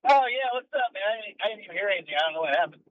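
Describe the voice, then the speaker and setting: A man's voice: high-pitched, lively intonation, rapid-fire. A man calling in to a talk show on a bad phone line that sounds like he's in a tunnel, chatting loosely with lots of "uh" fillers. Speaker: caller. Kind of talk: casual call-in chat. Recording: muffled echoing phone line.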